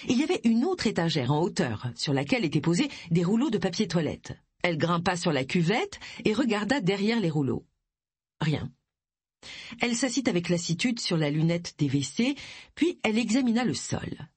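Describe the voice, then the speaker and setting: Brief: female audiobook narrator, husky tone, lively pitch, dry close sound. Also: normal speed, no echo. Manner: expressive, varied storytelling. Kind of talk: scripted novel narration.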